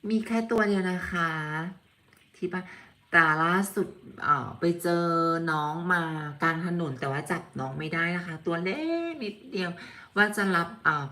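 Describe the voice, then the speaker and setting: A woman chatting casually on a livestream, talking softly and affectionately about her pet cat. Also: fairly low pitch, moderate pace, slight background noise. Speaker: livestream host and cat owner. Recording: roomy echo.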